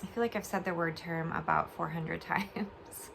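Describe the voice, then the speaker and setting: A woman's voice: fairly low pitch, steady tone, normal speed, gravelly, background noise. A young adult woman chatting casually in a giggly, rambling vlog style, her speech slightly slurred and funny from a swollen mouth after oral surgery. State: recovering from oral surgery, talking a bit funny. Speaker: homeschool vlogger. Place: bed at home.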